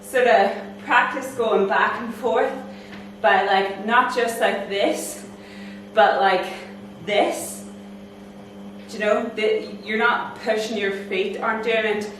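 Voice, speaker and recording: A woman's voice: mid-range voice, steady tone, unhurried, a bit bright, recorded from a distance, a little hiss or hum. Chatty young woman, echoey room. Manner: chatty, filler-heavy, explaining moves as she goes. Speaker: vlogger. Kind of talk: casual fitness vlog talk.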